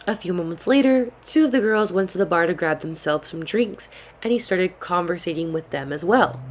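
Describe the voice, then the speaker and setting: A young adult woman vlogger telling a personal story in a calm, earnest way, with casual slang. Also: fairly low pitch. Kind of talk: storytime narration.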